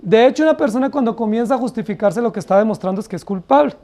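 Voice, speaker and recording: A pastor with a Colombian Spanish accent preaches a Bible study sermon in church, his high, mellow voice animated and very fast. He frequently poses rhetorical questions to the congregation and acts out the excuses he quotes.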